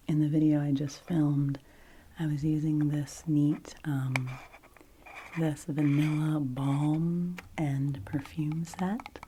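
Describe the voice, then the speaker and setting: A middle-aged woman whispering softly into a close microphone, rambling casually in an ASMR video. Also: low-pitched, a little hiss or hum. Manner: soft, unhurried whisper with chatty asides. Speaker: ASMR creator.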